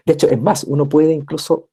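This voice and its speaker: This lecturer's voice sits on the high side, mellow with a breathy edge. Recorded during a university class, he explains things step by step, repeats and rewords his points, and checks in with listeners again and again using tag questions.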